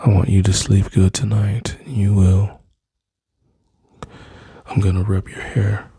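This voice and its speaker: A man speaking slowly and intimately into a close mic, soothing and reassuring, often dropping to a whisper. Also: on the low side, flat delivery, gravelly, mellow, husky. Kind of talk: soft-spoken ASMR comfort roleplay.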